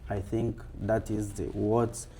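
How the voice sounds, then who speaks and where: A man with an African accent answering in a fireside chat interview in a halting, deliberate way. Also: lowish voice, level tone, mellow, a little hiss or hum.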